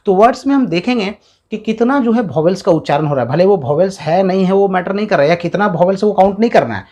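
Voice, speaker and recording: A man teaching a grammar lesson step by step. He sounds out syllables slowly and keeps checking in with the class. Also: sits high, expressive, warm tone. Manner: explains step by step, often checks in with "है ना" and "ठीक है". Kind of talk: classroom-style video lesson.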